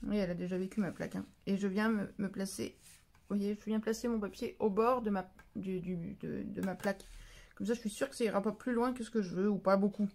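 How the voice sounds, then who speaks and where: Slightly fast and fairly even in intonation, this woman's medium-pitched, somewhat mellow voice carries some vocal fry. She walks through a papercraft project step by step in a chatty way, tripping over words, fixing herself mid-sentence, and pausing to scold or coo at her cat.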